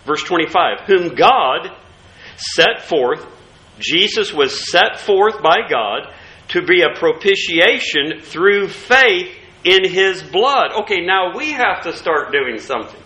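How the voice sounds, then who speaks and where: Slow, bright-voiced male preacher. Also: a little high, sing-song, echoey room, low-quality recording. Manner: earnest, slow and emphatic, leans on key words. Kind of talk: sermon.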